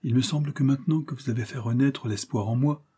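A man voicing a poor, wistful old male miller, speaking softly and tenderly with a husky voice. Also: mid-range voice, quick pace, pitched above the performer's own voice. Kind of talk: audiobook character reading.

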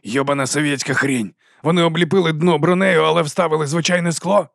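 A man voicing a gruff, foul-mouthed male helicopter pilot. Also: fairly high pitch, steady tone, quick pace, dry recording, studio quality, voice pushed up. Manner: gruff, cursing.

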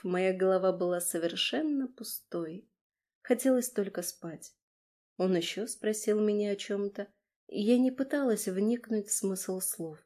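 A woman narrating a first-person audiobook with lively, ironic delivery. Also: medium pitch. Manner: lively, ironic, voices dialogue.

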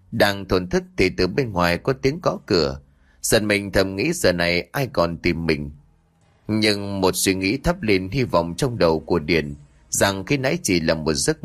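Male storyteller for a horror tale: low voice, lively delivery, dramatic. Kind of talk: ghost story narration.

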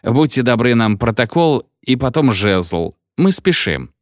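A man's voice: medium pitch, sing-song, measured pace, dry recording, clean studio sound. A man playing a flustered chief conductor. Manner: pleading, officious. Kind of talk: audiobook character voice.

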